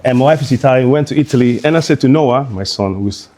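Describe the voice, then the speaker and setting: A man from Curaçao, a guest speaker at an art exhibition, gives an informal live talk. His voice sits at a middle pitch. He talks in a halting, conversational way and keeps restarting his sentences. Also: dark tone.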